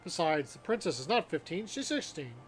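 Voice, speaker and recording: A man's voice: fairly high pitch, sing-song, brisk, a little hiss or hum. A man putting on a pompous French-accented knight. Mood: indignant. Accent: put-on French accent. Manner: formal, indignant. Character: stiff, pompous male royal knight, middle-aged.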